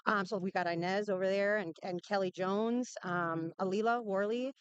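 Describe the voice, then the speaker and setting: A woman's voice: mid-range voice, steady tone, moderate pace, clean tone, no echo, lo-fi sound. A woman from Minnesota co-commentating at a strongman competition in a friendly, upbeat way. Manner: friendly, upbeat, laughs often. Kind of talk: live event commentary.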